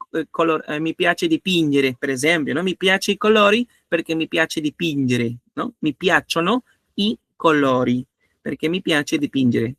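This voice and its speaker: A language teacher patiently repeats each example in a grammar lesson and checks that his students are keeping up. His voice is a little high and slightly bright, recorded in studio quality with no echo.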